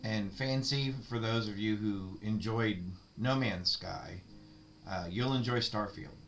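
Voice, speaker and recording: A man's voice: fairly low pitch, slow pace, a bit bright, soft background music. A man chatting casually and at length, easygoing and a little rambling. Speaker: streamer's partner. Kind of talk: casual chat.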